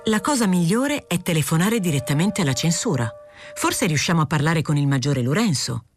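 A woman reading aloud, voicing a weary but stubborn aging male newspaper editor who speaks calmly and evenly. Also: sits low, soft background music. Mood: coolly insistent. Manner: calm, measured, feigning nonchalance.

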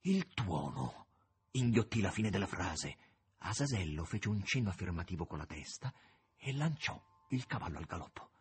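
A man giving an expressive, dramatic reading of a novel. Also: deep voice, moderate pace, breathy edge. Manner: dramatic, varied intonation. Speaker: audiobook reader.

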